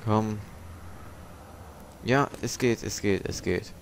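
A young man narrates his game session in a casual, rambling way, often swearing when things go wrong. His voice sits a little low. Loud gunfire from the game plays behind him. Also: takes it slowly, creaky, heavy background noise. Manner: swears a lot, frustrated, rambling. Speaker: let's play gamer. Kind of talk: casual gameplay commentary.

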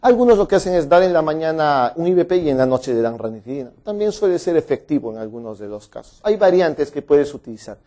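A man giving a medical exam-prep lecture, brisk and chatty, quizzing students and teasing them. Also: a little high, mellow.

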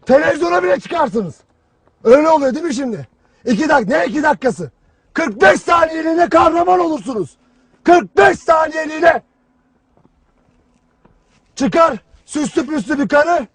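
An actor playing a stern, harsh army commander who berates his soldiers in a cold, clipped, shouted delivery. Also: extremely high pitch, animated, normal speed, pauses often. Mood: lecturing. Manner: cold, relentless, clipped questioning. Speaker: military commander. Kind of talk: film drama acting.

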